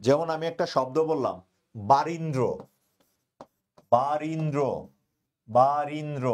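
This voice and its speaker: A man's voice: on the high side, a little mellow. A young man teaching an online grammar class for an admission coaching, who keeps drilling his students by asking a question and then answering it himself.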